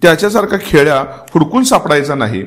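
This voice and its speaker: A dying old king, weary but still commanding, speaks in an emotional, heightened voice, as a man reading a historical novel puts him on. His lines climb in pitch and swell in force. It sounds like a dramatic storybook reading. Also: lively intonation, normal speed, close to an everyday voice. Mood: fervent. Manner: emotional, rising to pleading and commanding outbursts.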